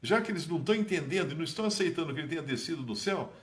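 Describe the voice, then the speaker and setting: A man giving an informal Bible teaching as a preacher, talking casually and climbing sharply in pitch to stress key phrases. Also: very fast, roomy sound. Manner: animated, dramatic rises in pitch on key phrases.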